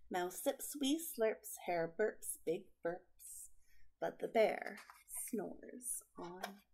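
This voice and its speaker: A woman hosting a children's story time, reading and chatting expressively while getting over a cold. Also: lowish voice. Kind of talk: expressive picture-book reading and friendly address to children.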